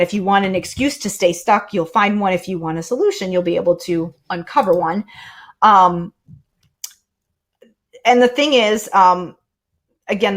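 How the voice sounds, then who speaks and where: A middle-aged woman hosting a live stream, talking casually and thinking aloud with fillers and restarts. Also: on the low side. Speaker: host.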